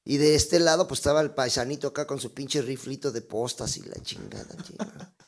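A man's voice: medium pitch, fairly quick. Playful slangy male joke-teller. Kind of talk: casual joke-telling chat.

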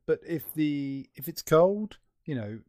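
A man's voice: on the high side, lively intonation, slow pace, dark tone, no room sound, clean studio sound. A middle-aged man hosting a casual conversational interview. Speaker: interview host.

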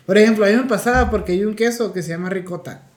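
A man's voice: high-pitched, fast, reverberant. A man with a Mexican accent hosting a casual podcast, joking in heavy slang and telling stories. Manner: joking, slangy, tells anecdotes with acted quotes. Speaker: podcast host.

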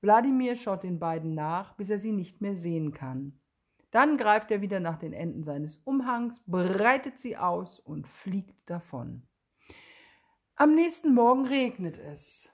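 A woman reading a children's story aloud in a gentle, expressive way, with a husky voice. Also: mid-range voice.

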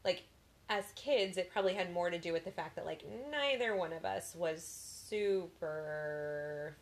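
Woman, 30s, co-host, husky and a bit gravelly, low-pitched, dry teasing delivery. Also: unhurried. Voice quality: husky today. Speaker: podcast co-host. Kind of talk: casual chat.

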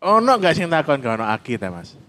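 A man's voice: a little high, very animated, fast talker, pushed and bright, slight background noise. A man with an East Javanese accent in casual chat, asking lots of questions and making playful wordplay jokes.

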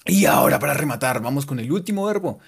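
A man giving a casual, joking English lesson and repeating English words slowly for his students. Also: on the high side, lively intonation, creaky, music in the background. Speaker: English teacher. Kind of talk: casual bilingual language lesson.

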